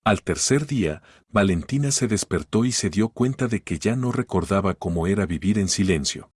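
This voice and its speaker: Low husky man narrating a story. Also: normal speed, no echo, clean studio sound. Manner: steady, even storytelling.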